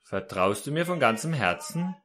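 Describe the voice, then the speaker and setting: A preacher voicing God, calm and measured as he answers the man. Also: mid-range voice.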